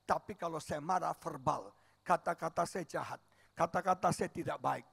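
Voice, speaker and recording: A middle-aged man, preaching a sermon as a pastor. He is animated and tells stories, swinging from soft to loud. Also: a little high, moderate pace, creaky, slightly rough. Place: church stage.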